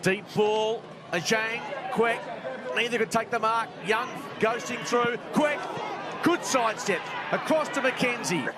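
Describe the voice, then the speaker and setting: A man's voice: very high-pitched, measured pace. An Australian male play-by-play commentator calling live football in short, clipped phrases. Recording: loud crowd and noise behind commentary. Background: loud crowd at outdoor ground.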